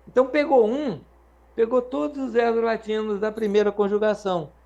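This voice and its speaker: A man with a Brazilian Portuguese accent teaching a live Latin class, patiently drilling students with questions and slowly modelling each word. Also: high voice, steady tone, vocal fry, warm tone, dull audio. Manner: repeats and slows words to model them.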